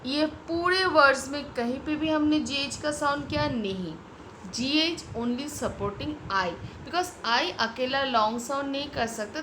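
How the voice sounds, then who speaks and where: A woman teacher with an Indian English accent, slowly sounding out words in a phonics lesson for small children, switching between Hindi and English. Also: sits high, sharp tone, slight background noise, low-quality recording. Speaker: kindergarten teacher.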